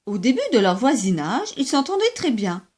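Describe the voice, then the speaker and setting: A woman reading a children's story aloud in a gentle, lively storytelling manner. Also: on the high side, normal speed.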